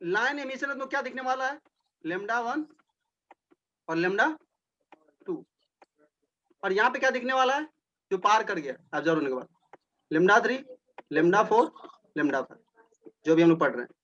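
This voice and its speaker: A man's voice: sits high, expressive, unhurried, pauses often, a bit bright, dull audio. A male teacher giving a classroom lecture, explaining step by step, repeating points and speaking directly to his students.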